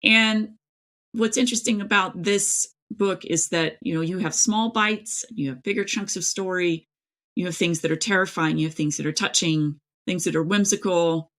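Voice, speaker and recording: A middle-aged woman who writes books, from East Tennessee in the United States, guests on a casual, chatty interview, speaking emphatically and rambling through her stories. She has a lowish, fairly bright voice and talks at normal speed.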